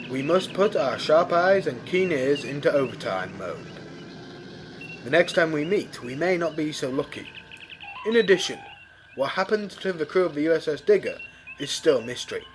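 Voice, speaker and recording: A man playing an earnest, resolute rabbit starship captain with light wry humor, speaking in measured commands in an audio space opera. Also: on the high side.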